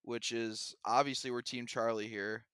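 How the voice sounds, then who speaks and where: A man's voice: mid-range voice, little pitch movement, moderate pace, a bit bright, clear, resonant tone, dry recording, studio quality. A young man co-hosting a podcast, chatting casually and animatedly, slipping into mocking rants. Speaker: podcast co-host. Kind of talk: casual chat.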